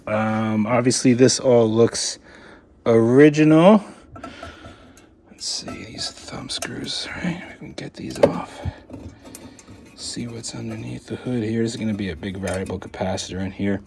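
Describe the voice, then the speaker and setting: A man with a mid-range, somewhat mellow voice speaks a little slowly as he hosts a hands-on electronics video. His commentary is casual and unscripted, thinking aloud while he inspects and now and then trailing off. There's clear background noise and room ambience.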